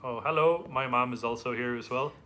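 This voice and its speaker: A man's voice: medium pitch, a little fast, sharp tone, low-quality recording. A thirty-year-old man with an Irish accent, chatting casually as a live stream host and reading out viewer comments. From Ireland. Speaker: travel vlogger co-hosting a live Q&A.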